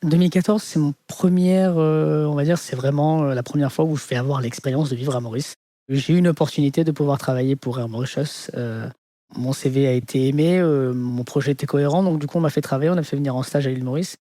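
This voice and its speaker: A man from France with a Parisian French accent, in his thirties, telling his life story in an interview and pausing often on fillers. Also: fairly high pitch, fairly even intonation, dark tone, dry recording. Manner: hesitant, many fillers like "on va dire". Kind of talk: reflective personal testimony.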